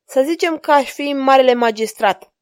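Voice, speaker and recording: A woman's voice: sits high, dry recording, pitched above the performer's own voice, close to an everyday voice. A woman reading the lines of an elegant, ironic masked woman in an audiobook, her voice close and dry.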